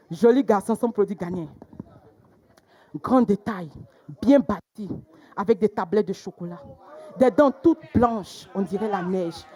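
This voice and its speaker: Animated young woman doing stand-up. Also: a little high. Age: young adult. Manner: animated storytelling with sudden loud exclamations. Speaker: stand-up comedian. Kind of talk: stand-up comedy routine.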